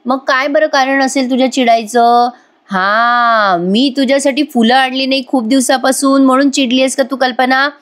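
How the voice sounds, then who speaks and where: A woman's voice: sits high, fairly even intonation, normal speed, pitched above the performer's own voice, natural voice. Woman voicing a teasing middle-aged husband, raised voice. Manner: teasing, questioning.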